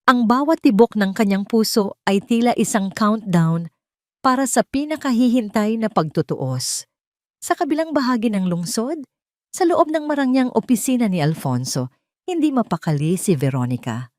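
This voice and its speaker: A woman with a Filipino accent narrates a scripted dramatic story in a fairly high, darkish voice with big pitch swings and a moderate pace. The studio recording is clean, with no room sound.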